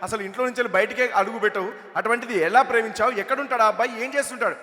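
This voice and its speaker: An exasperated father frets at his daughter, as a comedian puts him on. He talks fast in a bright tone. The hall adds a long reverb. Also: very high-pitched. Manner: exasperated, pleading. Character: worried middle-aged father, exasperated.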